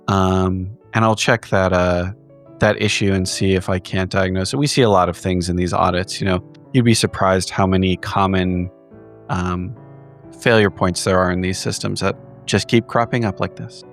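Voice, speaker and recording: A man playing a tabletop game, speaking in character in a smooth, reassuring manner. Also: low voice, fairly even intonation, moderate pace, soft background music. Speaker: player.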